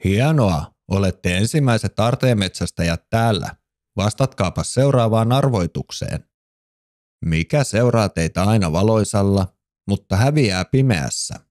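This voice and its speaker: Man reading a storybook father frog, patient, measured, deep voice, dry. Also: animated, a little mellow, no echo, natural voice. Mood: encouraging. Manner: measured, encouraging.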